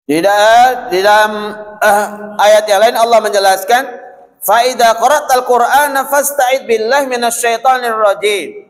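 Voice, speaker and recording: A man preaching a mosque sermon in Madurese-accented Indonesian, animated and addressing the congregation directly. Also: high voice. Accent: Madurese-influenced Indonesian. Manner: animated, addresses listeners as "Pak", mixes Arabic prayers in. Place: mosque hall. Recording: long hall reverb.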